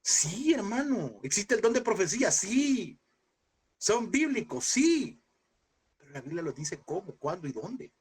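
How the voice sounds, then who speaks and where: A man teaching a Bible seminary class in a lively preaching style, asking rhetorical questions and acting out scenes in sudden high shouts. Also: a little slow, slight background noise. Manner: animated, mimics voices with sudden high shouts; addresses listeners as brother, rhetorical questions.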